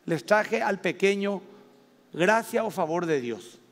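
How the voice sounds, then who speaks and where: High-voiced Paraguayan pastor preaching in a hall. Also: male voice, animated. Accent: Paraguayan Spanish. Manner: emphatic preaching with slow drawn-out stresses and sudden loud rises. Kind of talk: sermon. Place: church hall. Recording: long reverb of a church hall.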